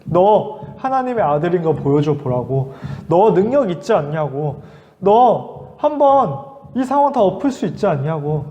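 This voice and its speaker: A man voicing a pushy, scornful male Satan who keeps goading with rapid challenges. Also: sits high, sing-song, dark tone, big-room sound, lo-fi sound.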